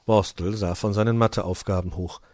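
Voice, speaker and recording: A man reading a children's story aloud as narrator, expressive. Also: lowish voice, normal speed, no echo, studio quality.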